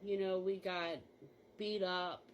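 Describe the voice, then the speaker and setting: A woman's voice: on the low side, little pitch movement, takes it slowly, slight background noise, low-quality recording. A mother talking candidly in a rambling, casual monologue, full of "like" fillers, while changing clothes.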